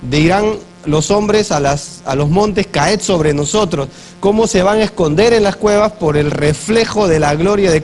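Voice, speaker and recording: A man preaching a sermon as pastor, slowly reading Bible verses aloud and asking the congregation questions. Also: sits high, a little mellow, slight background noise. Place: church.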